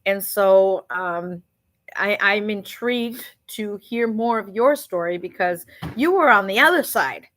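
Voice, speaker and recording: A woman's voice: medium pitch, animated, a little slow. A woman hosting a community radio show, moving between English and Spanish as she introduces a call-in guest. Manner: warm-up chatter, switches between English and Spanish. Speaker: radio host.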